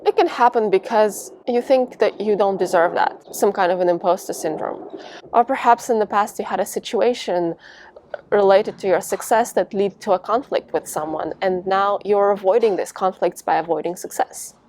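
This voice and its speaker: A woman who is a non-native English speaker presents a motivational self-help talk in a direct, emphatic way, using rhetorical questions and pauses for effect. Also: mid-range voice, darkish tone, slight background noise. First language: not English.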